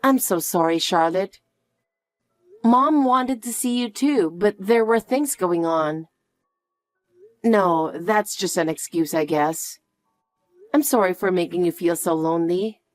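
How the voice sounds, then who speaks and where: A woman playing a protective mother in an audio drama, speaking softly and reassuringly. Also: on the low side, dry recording, faint music behind. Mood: soothing. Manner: slow, soothing and reassuring. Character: soft-spoken protective mother.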